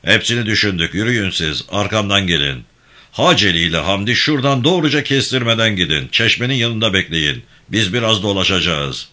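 A man voicing a stern, commanding male militia band leader who gives hushed orders. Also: on the low side, animated, fairly quick, pitched above the performer's own voice.

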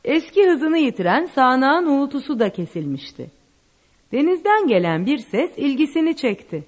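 A woman narrating a story in an expressive, dramatic reading style. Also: high-pitched, normal speed, big-room sound. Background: faint music.

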